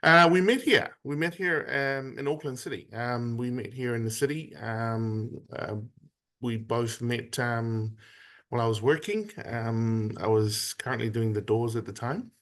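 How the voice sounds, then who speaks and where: A man in his thirties, from Samoa, is a guest in a conversational interview, telling his story in a measured way with frequent pauses. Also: mid-range voice, a bit bright.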